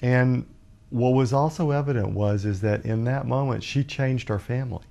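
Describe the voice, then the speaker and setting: A man in his fifties from Alabama, a guest author telling a personal story in a measured, reflective way with many pauses. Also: mid-range voice, creaky, dark tone. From Birmingham, Alabama, USA. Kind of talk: personal storytelling in a talk show interview.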